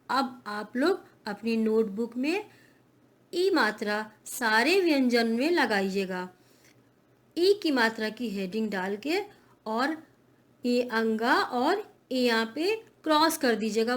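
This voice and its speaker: A woman teacher speaks to young children at an unhurried, deliberate pace. Her voice sits a little high, and she stretches each letter sound so it is easy to follow. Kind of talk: online class instruction.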